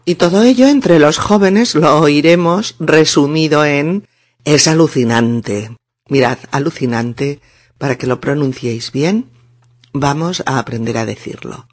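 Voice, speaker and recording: A man with a Spain Spanish accent teaching a language lesson, explaining colloquial words deliberately and breaking them into syllables for students to repeat. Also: fairly high pitch.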